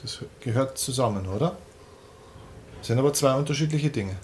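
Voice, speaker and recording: A man's voice: mid-range voice, fairly quick, a little mellow, slight background noise. A man interviewing a guest, often murmuring agreement and asking probing follow-up questions.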